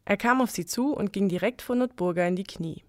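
A woman narrating a medieval legend in calm, scripted storytelling. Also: mid-range voice, fairly quick, no room sound, clean studio sound.

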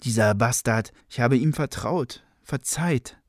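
A man's voice: medium pitch, a little slow, no room sound, lightly acted. A man voicing a remorseful Frankish king who speaks with courtly, pleading apology, in a read-aloud legend with a dry sound.

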